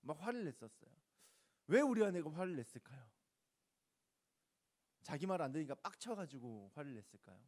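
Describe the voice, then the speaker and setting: A male pastor in his thirties preaches to teenagers, his fairly high voice leaping up for emphasis and then falling low and hushed. He keeps it conversational and asks the listeners questions as he talks. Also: fairly quick, pauses often. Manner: lively, swings between loud emphasis and soft hushed asides. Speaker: youth pastor. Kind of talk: youth sermon.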